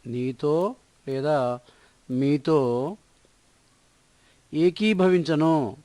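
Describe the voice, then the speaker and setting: A woman's voice: sits low, very slow, warm tone, no room sound. A woman teacher giving a spoken English lesson, repeating each phrase and spelling words out letter by letter.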